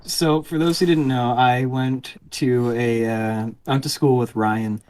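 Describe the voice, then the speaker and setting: Male guest, average pitch, laughs through rambling anecdotes. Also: fairly even intonation, measured pace, a little mellow, clear, resonant tone. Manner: giggly, rambling storyteller. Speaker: podcast guest. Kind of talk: casual podcast chat.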